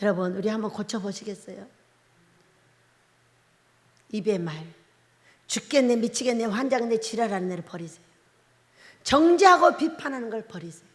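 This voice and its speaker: A woman's voice: mid-range voice, expressive, normal speed, pauses often. A woman pastor from Korea's Jeolla Province preaching a sermon, emphatic and firing rhetorical questions at the congregation. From Jeolla Province, South Korea. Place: prayer retreat chapel. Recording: long reverb of a large hall.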